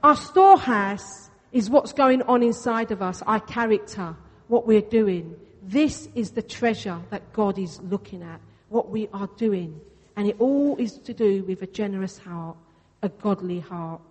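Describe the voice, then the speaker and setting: Her mid-range voice moves at an unhurried pace as she preaches in church. A native Greek speaker, she keeps the sermon chatty and repeats phrases for emphasis, amplified by the venue system in a reverberant hall.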